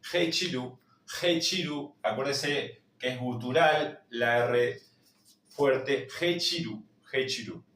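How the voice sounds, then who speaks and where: A man with an Argentine accent teaching a language lesson, repeating each word slowly to drill its pronunciation. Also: medium pitch, fairly bright tone, roomy sound, distant mic. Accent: Argentine Spanish. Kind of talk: slow spoken lesson.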